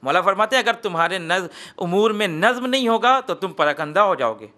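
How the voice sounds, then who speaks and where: A man with an Indian Urdu accent delivering a religious lecture in a hall, rhetorical, climbing to emphatic peaks and then dropping low. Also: lively intonation, bright, forceful tone. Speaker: Shia cleric giving a majlis lecture.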